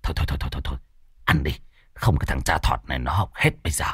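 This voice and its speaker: A man voicing a tipsy old ghost-hunting master who grumbles in a low, mumbling way. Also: big pitch swings, takes it slowly, sharp tone, no room sound, studio quality, exaggerated voice. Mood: gruff tipsy.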